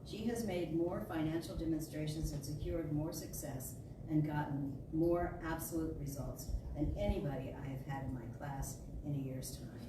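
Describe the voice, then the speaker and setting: A woman with a low voice and fairly even intonation reads a metaphysical sermon dramatically, like a storyteller presenting a spiritual talk. Her phrasing is deliberate, her tone emphatic and declarative. The recording comes from far off in a large indoor spiritual center hall and is echoey and noisy.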